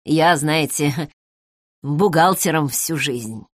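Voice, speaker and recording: A woman's voice: deep voice, slow pace, no room sound, clean studio sound. A woman reading the part of an apologetic, hesitant 60-year-old retired male accountant.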